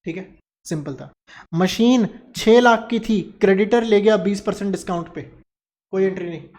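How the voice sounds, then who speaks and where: A man's voice: sits high, normal speed, darkish tone. A man teaching accounts in a classroom lecture. He mixes Hindi with English terms and asks questions that he answers himself. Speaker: commerce teacher.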